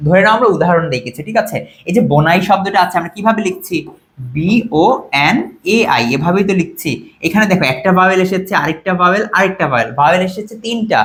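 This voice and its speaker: A man's voice: high-pitched, fast, fairly bright tone. A young man teaching an online exam-prep lesson, quizzing students and counting items aloud.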